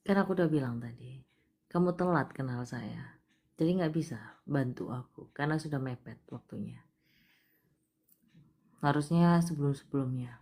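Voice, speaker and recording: A woman with a low voice hosts a live palm-reading session and talks straight to a caller. She coaxes and pushes, and her voice often sinks to a near whisper. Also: normal speed, husky. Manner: coaxing, repeatedly urging the caller to cry; drops to soft, hushed delivery.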